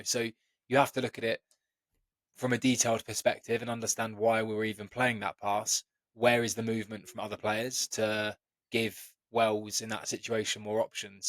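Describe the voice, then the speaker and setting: Male podcast co-host, low and even voice, dry close sound, measured and analytical. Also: dry recording. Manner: measured, analytical, repeats words while thinking. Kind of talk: casual football podcast chat.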